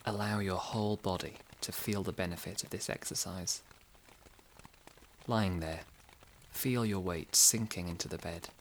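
Male sleep-story narrator, deep low register, slow soothing delivery. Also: fairly even intonation, a little hiss or hum, low-quality recording.

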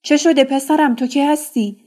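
A woman's voice: sits high, fairly even intonation, darkish tone, voice pushed up, close to an everyday voice. A woman reading a novel aloud, voicing a desert tribesman who questions a weary boy. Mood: kindly.

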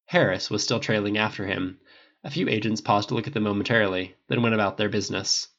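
A man narrating a fan-fiction audiobook in an expressive, wry way, on a dull lo-fi recording. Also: lowish voice, quick pace.

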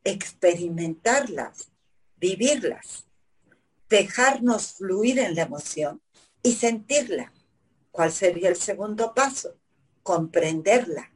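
Calm slow-talking woman therapist. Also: medium pitch, a little hiss or hum, poor audio. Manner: calm, explains step by step with rhetorical questions. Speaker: psychotherapist guest. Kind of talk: interview answers, explanatory.

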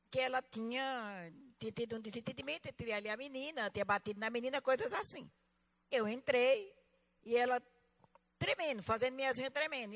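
A woman leads a fervent Bible school lesson and tells her story with conviction. Her voice sits high and rings bright and sharp. She moves from loud exclamations to quiet asides. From Northeastern Brazil.

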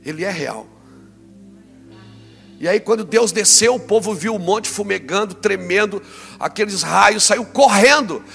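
High, gravelly preacher man in a hall. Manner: swings between loud exclaiming and quiet low delivery. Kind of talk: sermon.

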